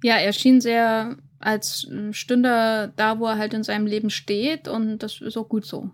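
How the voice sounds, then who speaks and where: A woman's voice: on the high side, flat delivery, a little slow. A woman co-hosting a podcast, talking casually about a film with frequent fillers and restarts. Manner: chatty, hesitant with fillers and restarts. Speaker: podcast co-host.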